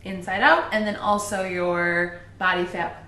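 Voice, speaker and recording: A woman personal trainer talking casually as a guest, with hesitant pauses and frequent fillers. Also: fairly low pitch, steady tone, pushed and bright. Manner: hesitant, many ums. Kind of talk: casual chat. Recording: roomy echo, distant mic, faint ambience.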